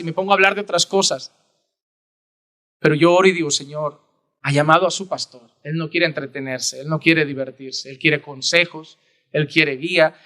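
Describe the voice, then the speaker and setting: A man preaching a sermon as pastor, earnest, rising to loud emphasis and dropping to hushed prayer. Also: high voice.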